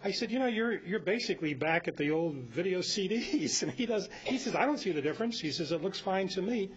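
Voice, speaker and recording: An American man presents an informal talk to his club, rambling from one anecdote to the next in an expressive, brisk, husky voice. The club meeting room recording is dull and lo-fi, with a rumbly noise underneath.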